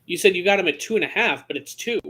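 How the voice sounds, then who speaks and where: A man's voice: high-pitched, lively intonation, fast talker, a bit bright, husky. A man co-hosting a casual sports betting chat, blunt and stammering into his points. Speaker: podcast co-host.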